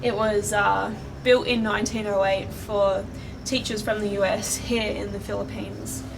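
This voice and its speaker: A woman's voice: mid-range voice, little pitch movement, unhurried, creaky, background noise. A woman talking to camera as the host of a paranormal investigation vlog, moving between narration and casual chat. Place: outdoors at night on camp grounds.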